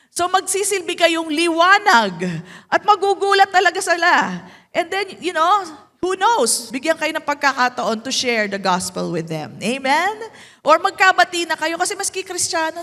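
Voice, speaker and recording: A woman pastor with a Filipino accent preaching, mixing English and Tagalog with playful asides and slow, drawn-out emphasis. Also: very high voice, expressive, bright, forceful tone. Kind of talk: sermon. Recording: echoey hall.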